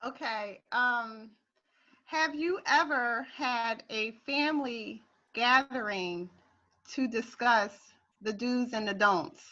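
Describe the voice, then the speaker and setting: A woman's voice: fairly high pitch, takes it slowly, pushed and bright, a little hiss or hum. A woman in a group video call, speaking hesitantly and searching for words. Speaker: participant. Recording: dull lo-fi video call audio.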